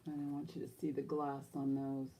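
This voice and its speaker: Gravelly, low-voiced woman auctioneer. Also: completely flat delivery, a little fast, dark tone, a little hiss or hum. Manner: chatty, enthusiastic, talks to herself while handling items. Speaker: live auction host.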